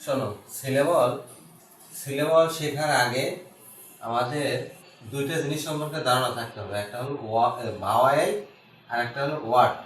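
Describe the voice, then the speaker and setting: A male teacher giving a basic grammar lesson to a child, speaking slowly and patiently and spelling words out letter by letter. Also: medium pitch, fairly bright tone. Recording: echoey room, voice from far off.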